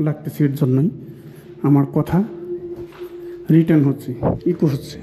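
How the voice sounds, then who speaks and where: A young man speaks softly as he explores a deep underground bunker, his voice echoing off the chamber walls. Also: steady tone, moderate pace, noisy background. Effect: cavernous echo off the concrete walls of an underground chamber. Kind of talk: hushed exploration vlog. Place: underground bunker rooms, indoors. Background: music.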